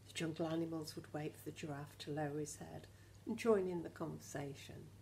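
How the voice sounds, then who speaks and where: At a fairly quick clip, a teacher shares a picture book with young kids, using a fairly low voice that has a creaky quality. Her delivery is expressive and full of direct questions to the children, over a faint background noise.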